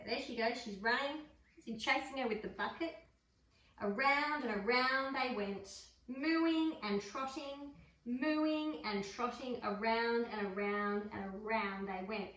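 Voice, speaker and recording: Slow woman reading a storybook. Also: a little high. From Australia. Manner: gentle, chatty asides to the listener. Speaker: storybook reader. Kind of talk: reading a picture book aloud to a dog. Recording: roomy room, mic far off.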